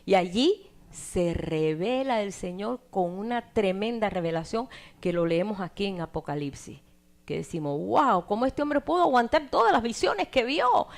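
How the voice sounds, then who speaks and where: Brief: middle-aged woman preacher, sermon delivery that rises to loud emphasis and drops to hushed asides. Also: medium pitch, normal speed, vocal fry. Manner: animated, swings from loud emphasis to near-whispered asides.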